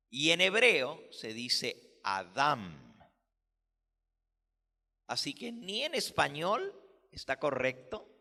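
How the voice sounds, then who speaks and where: A man preaching a sermon as pastor, teaching slowly and deliberately, explaining words with care. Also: mid-range voice, sharp tone, long reverb tail. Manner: slow, deliberate teaching with careful word explanations.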